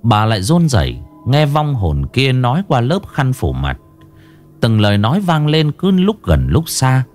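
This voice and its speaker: A man's voice: mid-range voice, a little mellow. A man narrating a ghost story in a dramatic, ominous storytelling manner. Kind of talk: scripted horror story narration.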